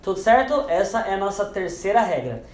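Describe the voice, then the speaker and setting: A man's voice with big pitch swings moves fairly quickly through an English pronunciation lesson, recorded in a roomy space. He lays out each rule patiently and repeats the example words several times, dipping lower whenever he says them.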